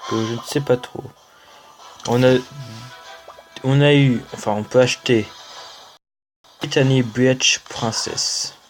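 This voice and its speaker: Slow, hesitant French man over music. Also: mid-range voice, fairly even intonation, darkish tone. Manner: hesitant, many "euh" fillers, slow and unhurried. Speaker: gaming channel host. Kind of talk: casual gameplay commentary. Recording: music playing under the voice.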